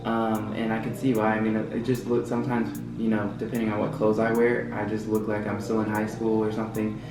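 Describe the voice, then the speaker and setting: A young man in his twenties chats openly through a casual vlog Q&A, loose and full of fillers. His voice sits a little low and sounds set back from the mic in a roomy, echoing space. Guitar music plays clearly behind him. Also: monotone, a little fast. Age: 20s. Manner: chatty and open, loose filler-heavy talk. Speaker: vlogger. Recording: roomy echo from a distance, with music.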